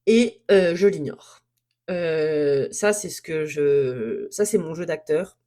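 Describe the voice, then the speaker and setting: A woman's voice: low-pitched, slow, mellow. A woman recording a candid solo monologue about her pony, speaking frankly and from the heart, often repeating herself as she works through her feelings. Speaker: pony owner recording a podcast episode. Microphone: self-recorded.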